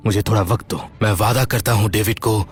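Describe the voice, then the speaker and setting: A male voice actor dubbing a righteous young husband who speaks firmly and reassures calmly. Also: on the low side, a little fast, faint music behind, natural voice. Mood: reassuring. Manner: firm, reassuring, lecturing. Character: righteous young scholar husband, protective and calm. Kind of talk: Hindi dub of a drama.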